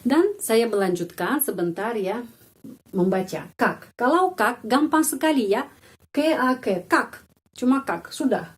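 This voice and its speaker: A woman's voice: a little high, lively intonation, takes it slowly. A woman teaching a language lesson, explaining patiently and repeating phrases with a frequent "ya" tag.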